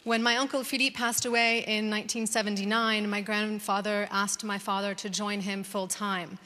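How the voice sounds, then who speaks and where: The reverberant sound of a large conference hall surrounds this woman's talk. In her thirties and American-accented, she speaks at normal speed in a medium pitch with little movement, and her warm, conversational delivery has frequent "um"s and restarts.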